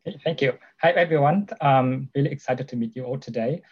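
A man from Vietnam introducing himself as an alumnus on a webinar panel, halting and full of "like" fillers. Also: mid-range voice, slightly rough. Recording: muffled webinar audio.

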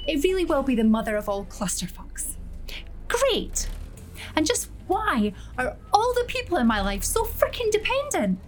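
A woman with a Scottish accent playing a fed-up, middle-aged nurse who swears freely and talks in a loud, carrying voice. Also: sits high. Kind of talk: audio drama monologue.

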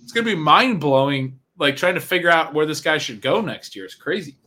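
A man hosting a fantasy football podcast, talking quickly and chattily in a casual sports conversation and laughing easily. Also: on the high side, animated, bright, forceful tone, a little hiss or hum.

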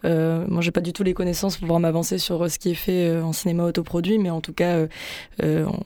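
A co-host on a live radio show speaks in a mid-pitched voice, in a dry studio. The talk is casual, with hesitations and light asides. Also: level tone, fast talker, mellow, dry recording.

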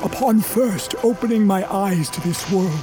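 A man playing Frankenstein's newly made creature in a radio play, sensitive and yearning, narrating in formal, measured, literary language. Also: sits high, over music. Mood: wondering, solemn. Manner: formal, literary, measured storytelling with drawn-out words.

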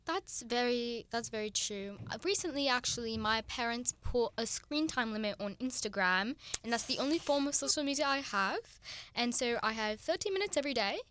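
A woman's voice: a little high, expressive, normal speed, a bit bright, slight background noise. A teenage girl co-hosting a student radio podcast, chatting casually and giggling, with lots of "like". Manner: put-on British accent for a stretch. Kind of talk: casual chat. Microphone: studio microphone.

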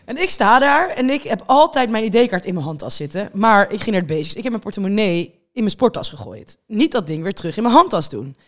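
A woman in her twenties telling stories as a podcast co-host, animated and casual, with plenty of swearing. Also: mid-range voice. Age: 20s. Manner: fast, animated storytelling with lots of swearing. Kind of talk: casual chat.

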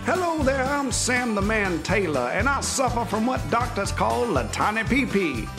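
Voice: mid-range voice, sing-song, moderate pace, loud music behind the voice. A performer playing a brash, shameless male gun-shop owner hard-selling in a parody local radio commercial. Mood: brash, salesy.

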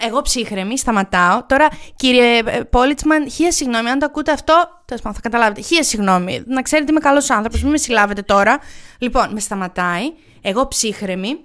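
High-voiced, animated woman storyteller. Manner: animated, self-mocking storyteller. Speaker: podcast co-host. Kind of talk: casual storytelling chat.

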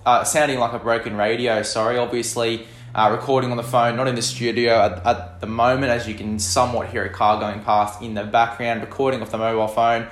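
A man's voice: mid-range voice, flat delivery, brisk. Man talking through a roomy phone memo. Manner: loose and chatty, lots of ums and uhs. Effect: recorded over a mobile phone voice memo. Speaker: podcast host. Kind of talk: casual sports review podcast. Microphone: mobile phone lying on a desk.

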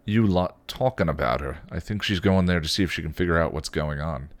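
A man's voice: deep voice, a little fast, dry recording, close to an everyday voice. A man reading aloud and voicing a sardonic, swaggering male vampire. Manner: swaggering, coarse.

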